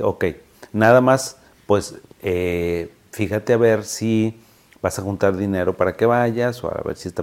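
A middle-aged Mexican psychiatrist with a lowish male voice talks in an easy, explanatory way. He tells his stories with animation, acting out both his own side and his patients' side. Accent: Mexican Spanish. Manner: animated storytelling, acting out both sides of a conversation. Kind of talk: casual explanatory talk.

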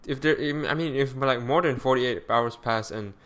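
A man's voice: medium pitch, normal speed, fairly bright tone. A man hosting his solo podcast with a tired, weary voice, rambling and correcting himself with many fillers, recorded close on a mic at home. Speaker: podcast host.

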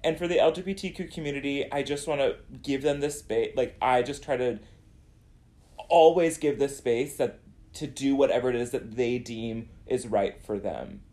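A man's voice: mid-range voice, normal speed, dark tone. A man co-hosting a podcast, talking earnestly and reflectively in casual chat, often searching for words. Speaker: podcast co-host.

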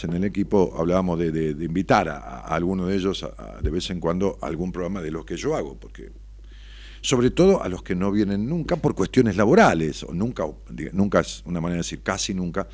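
A man with a Rioplatense Spanish accent, a psychologist hosting a late-night radio show, talking in an animated way with rhetorical questions and fillers. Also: low voice, fairly quick, no echo.

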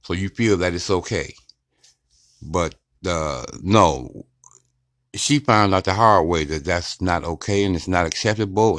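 A man with a very low voice co-hosts a casual podcast. He speaks in a measured way, pausing on "uh" and "um" as he works through his point. The sound is dry and close, with no room around it. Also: no echo. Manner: measured, with many fillers. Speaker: podcast co-host.

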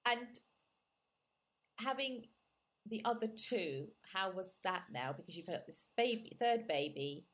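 A woman's voice: mid-range voice, lively intonation, unhurried. A woman hosting a podcast, asking supportive, prompting questions in casual chat. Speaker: podcast host.

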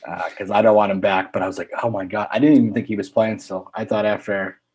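Man co-host, low husky voice, relaxed hesitant sports chatter. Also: quick pace. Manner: easygoing, hesitant with ums. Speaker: podcast co-host. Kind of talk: casual sports chat.

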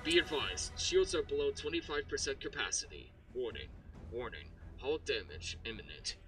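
A man voicing a calm male starship computer in a tabletop game, giving level, clipped damage warnings. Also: medium pitch, moderate pace, far from the mic, faint music behind, close to an everyday voice, low-quality recording. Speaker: game master.

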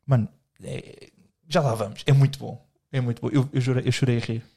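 A man's voice: medium pitch, fairly even intonation, brisk, gravelly, dark tone. A young man with a European Portuguese accent, co-hosting a podcast in rambling, joking casual chat full of slang. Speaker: podcast co-host.

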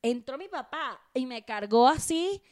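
A young woman co-hosting a podcast at home, telling a story in an animated, crude, self-mocking way. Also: high-pitched, measured pace, no echo, studio quality. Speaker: podcast co-host. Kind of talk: casual storytelling chat.

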